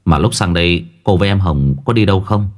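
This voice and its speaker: A man's voice: sits low, brisk, lightly acted. A man doing an earnest young sorcerer. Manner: earnest, flustered.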